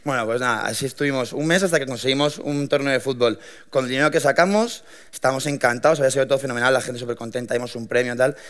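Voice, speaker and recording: A young man, telling his founding story to an audience in a lively, colloquial way with many restarts. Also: medium pitch, racing. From Madrid, Spain. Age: 20s. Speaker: young entrepreneur giving a talk.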